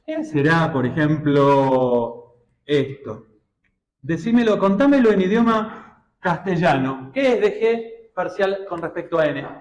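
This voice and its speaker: A man's voice: fairly high pitch, sing-song, slow, roomy sound, low-quality recording. A man with an Argentine Spanish accent teaching a math class, constantly asking his students questions and checking that they follow. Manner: questioning, checks understanding often, colloquial.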